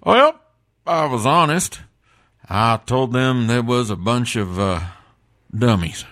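A man voicing a gruff, blunt male elf flight tracker who talks in plain, rough grammar, as a guest on a comedic podcast. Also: mid-range voice, expressive, slow pace, a bit bright. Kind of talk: comedic audio podcast acting.

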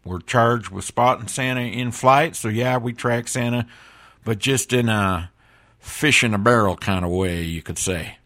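A man voicing a gruff, blunt male elf flight tracker who talks in plain, rough grammar, as a guest on a comedic podcast. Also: medium pitch, a little slow, fairly bright tone, natural voice. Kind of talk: comedic audio podcast acting.

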